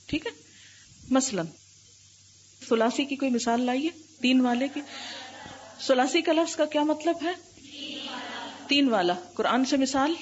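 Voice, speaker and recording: A woman Islamic scholar giving an Arabic grammar lesson, quizzing her students often and drawing out letters and examples slowly. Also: high-pitched, highs cut off, a little hiss or hum. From Pakistan. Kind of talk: classroom lecture with questions to students.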